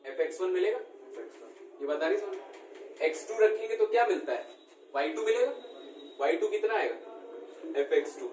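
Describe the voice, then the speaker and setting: A man's voice: sits high, expressive, normal speed, pauses often, a little mellow. A man teaching a math class, constantly quizzing his students and checking they follow. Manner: keeps quizzing students, checks understanding with short questions. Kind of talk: classroom lesson. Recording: echoey room, mic far off, faint background noise.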